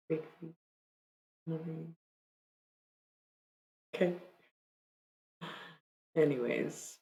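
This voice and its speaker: Woman in her 30s rambling to her stream chat, lots of "like" and "bro", gravelly fry. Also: low voice, dark tone, poor audio. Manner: rambling and chatty, full of "like" and "bro". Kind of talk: casual chat to live viewers.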